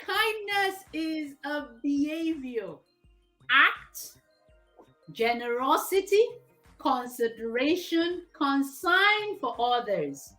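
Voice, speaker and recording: A woman speaks in a high, bright voice, like the host of a children's show. She teaches in an animated, informal way, repeating phrases for emphasis and asking the kids questions. Light music plays behind her. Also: slow pace, rough recording. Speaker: host of a children's lesson on moral values.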